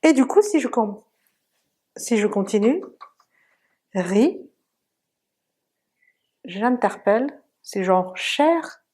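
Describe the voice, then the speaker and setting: Slow, patient woman teaching pronunciation. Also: fairly high pitch, lively intonation, a little mellow. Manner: patient, drills sounds slowly and repeats examples. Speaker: language teacher. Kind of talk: pronunciation lesson.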